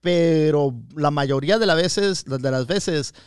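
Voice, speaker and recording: A man's voice: slow, smooth, no echo, clean studio sound. A middle-aged man hosting a podcast in casual chat, rambling and stammering, repeating words as he searches for them, and acting out quoted lines. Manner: acts out quoted lines in a lower, softer voice. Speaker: podcast host.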